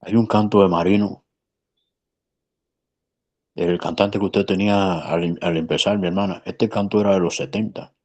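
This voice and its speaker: A man's voice: low voice, fairly even intonation, moderate pace, long pauses, a little mellow, dull audio. A man, a pastor, telling a story in conversation in an earnest, emphatic way. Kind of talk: preaching in conversation.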